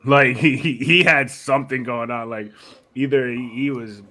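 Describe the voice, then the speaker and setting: Man, hoarse rough voice, casual sports co-host, blunt, slangy, profane. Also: mid-range voice, steady tone, moderate pace, sharp tone. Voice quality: raspy, rough voice. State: hoarse, sick.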